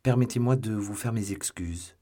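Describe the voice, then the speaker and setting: A man's voice: on the low side, normal speed, mellow, lightly acted. A man reading as an eager young swordsman. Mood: proud, resolute.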